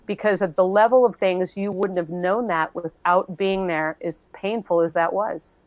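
A woman giving an earnest, emotional personal testimony in a panel talk, halting with many restarts and acting out other people's voices. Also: fairly low pitch, fairly even intonation, highs cut off.

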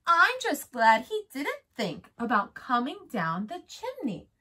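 A woman's voice: high voice, wildly swooping pitch, slow, sharp tone, full character voice. A woman voicing a stubborn, clever little male pig who talks firmly and defiantly in a children's storybook reading. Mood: smug. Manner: firm, defiant.

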